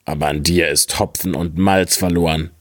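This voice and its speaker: Tired stern father, man voicing him a bit higher than his narration, storybook. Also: steady tone, normal speed, no room sound, studio quality, close to an everyday voice. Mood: stern, weary. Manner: stern, weary. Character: worried, sighing old father.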